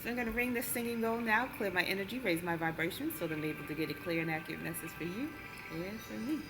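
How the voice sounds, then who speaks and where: A woman's voice: mid-range voice, lively intonation, fast, rough recording. Chatty woman reading tarot cards over music. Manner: chatty, explains card meanings step by step. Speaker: tarot reader. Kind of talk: casual spiritual card reading. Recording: music playing under the voice. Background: background music.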